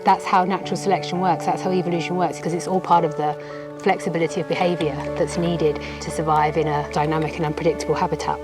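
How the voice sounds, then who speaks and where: Woman researcher explaining stuff in an interview, lowish voice, music under it. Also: steady tone, fast.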